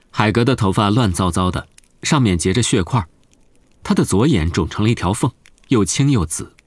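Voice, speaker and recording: A man narrating a novel as an audiobook in a steady storytelling manner. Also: lowish voice, dry recording.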